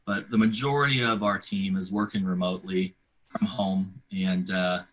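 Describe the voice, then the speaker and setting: A man's voice: low-pitched, steady tone, normal speed. A man giving earnest, conversational interview answers as a charity representative, with somewhat hesitant phrasing.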